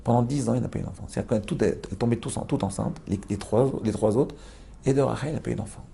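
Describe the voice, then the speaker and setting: A man's voice: medium pitch, fast talker, vocal fry, warm tone, a little hiss or hum. A man teaching a spoken Torah lesson, telling the story with many rhetorical questions to his listeners and restarting phrases as he explains.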